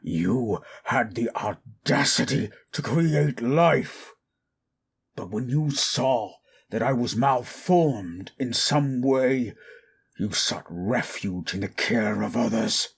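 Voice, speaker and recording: A man playing Frankenstein's bitter, anguished monster in a dramatic audio monologue, with a raspy, gravelly voice and theatrical, archaic, deliberate delivery. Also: medium pitch, animated, full character voice. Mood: bitter, wounded. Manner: slow, deliberate, theatrical, archaic formal diction. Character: Frankenstein's monster, bitter, anguished, wrathful abandoned male creation.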